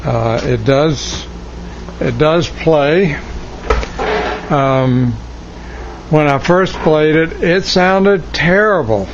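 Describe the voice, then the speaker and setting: A hobbyist restorer of vintage radio gear talks slowly and haltingly, thinking aloud in a casual, unscripted show-and-tell. His voice is a little high, picked up dully by a handheld camera mic behind the lens, with background noise from his cluttered indoor electronics workshop.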